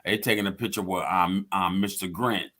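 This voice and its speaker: A man's voice: low-pitched, steady tone, normal speed, sharp tone. A man in casual chat, playful and emphatic, arguing his point and laughing often.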